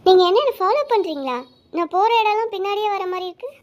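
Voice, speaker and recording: A woman's voice: extremely high pitch, fast talker. Anjali, a woman voicing a cheeky girl. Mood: sassy. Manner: sassy and teasing. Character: young woman Anjali, cheeky student in love. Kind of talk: cartoon voice acting.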